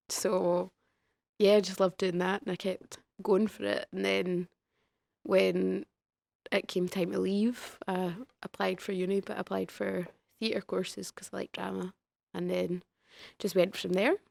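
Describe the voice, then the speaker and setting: A woman's voice: mid-range voice, level tone, unhurried, gravelly, a little mellow, no echo. A young woman, a guest playwright, answering interview questions in a modest, hesitant way.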